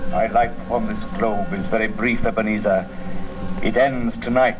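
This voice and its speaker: A man's voice: lowish voice, fairly even intonation, distant mic, close to an everyday voice. Solemn Ghost of Christmas Present played by a man. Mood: grave. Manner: solemn, measured, portentous. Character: solemn prophetic male spirit of Christmas. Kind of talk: 1930s radio drama acting. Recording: muffled old radio recording with music.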